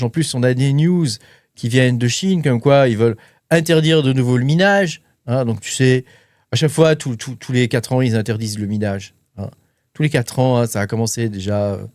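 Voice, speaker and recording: A man talks crypto news in a loose, chatty way, full of fillers and little asides to the listener. His voice sits in a middle pitch and is recorded close and dry, with no room sound. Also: a little mellow, no echo. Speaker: crypto and mining channel host. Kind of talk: casual commentary to camera.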